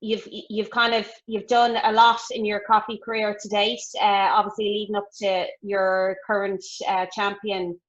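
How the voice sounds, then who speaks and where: An Irish woman hosting a relaxed interview chat, friendly and talkative, with a sprinkling of ums and uhs. Her voice sits at a middle pitch. The recording is dull and somewhat lo-fi. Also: normal speed, few pauses. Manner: friendly, chatty, with hesitant fillers. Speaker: host. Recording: dull lo-fi audio.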